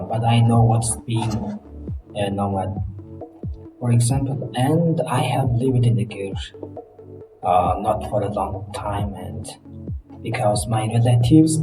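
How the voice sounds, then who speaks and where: A man with a Mongolian accent, an English teacher answering interview questions haltingly as he searches for words. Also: on the low side. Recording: echoey, distant mic, music underneath.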